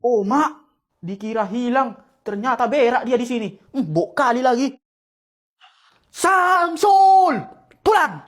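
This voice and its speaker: High-voiced man acting out comic squabbles. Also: normal speed. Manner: loud, bickering, exaggerated comic delivery. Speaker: comedy sketch creator. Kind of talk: comic sketch acting, many roles.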